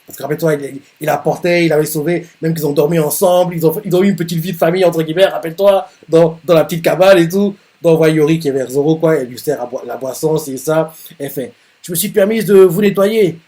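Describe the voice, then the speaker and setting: Guy doing a live manga reaction, kinda high voice, rambly recap full of fillers, keeps cracking up and squeaking up when he jokes. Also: fast talker, hardly any pauses. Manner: excitable retelling, laughs often, many fillers; jumps up high when joking.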